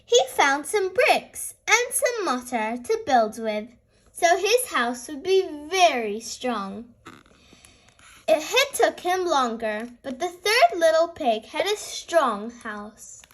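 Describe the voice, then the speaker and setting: A woman narrates a children's storybook as if opening a fairy tale. Her voice is very high, and she speaks slowly with big, lively swings in pitch. Her delivery is animated and sing-song, aimed at small listeners. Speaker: host reading stories aloud for small children.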